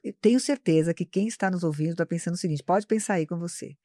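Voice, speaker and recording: A woman's voice: fairly low pitch, fast talker, warm tone, no room sound, studio quality. A woman who teaches marketing, explaining communication as a guest in a live interview, in an instructive, lecturing way. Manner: didactic, explanatory, addresses host by name. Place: studio, live broadcast.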